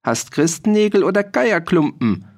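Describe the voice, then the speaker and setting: Brief: a shrill old peasant, screeching, very high, drawn-out taunts. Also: male voice, big pitch swings, darkish tone, exaggerated voice. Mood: mocking. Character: shrill, scrawny, mocking old male peasant. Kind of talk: audiobook reading.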